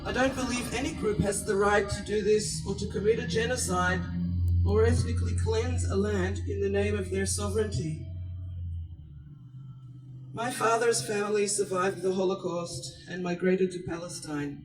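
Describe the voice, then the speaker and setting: A woman born in Israel, giving an earnest, measured prepared speech at an outdoor protest rally. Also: mid-range voice, steady tone, recorded from a distance, over music, poor audio. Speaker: rally speaker.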